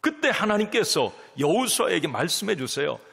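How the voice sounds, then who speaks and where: A man preaching a sermon as pastor, emphatic, swinging from loud calls to near whispers, in a church sanctuary. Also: high-pitched, big pitch swings, normal speed, creaky, breathy edge, long reverb tail.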